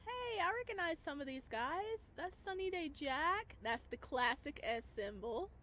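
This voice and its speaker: A high-pitched, animated woman speaks at a measured pace in a fairly bright tone, with a little hiss or hum on the recording. She hosts a gaming video with music, giving gushing, exclamatory let's play commentary in playful cutesy slang and reading game text aloud.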